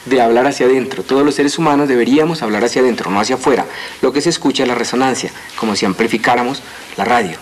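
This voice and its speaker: A man's voice: mid-range voice, quick pace. Guy voice coach, medium voice, earnest lecturing, bit of background hiss. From Colombia. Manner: earnest, lecturing, lists things out. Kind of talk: TV interview.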